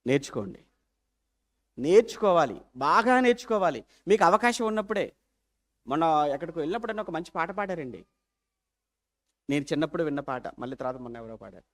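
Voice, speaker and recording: A man preaching a sermon as pastor, animated, firing rhetorical questions and swinging from loud appeals to hushed asides. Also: fairly high pitch, fairly quick, pauses often.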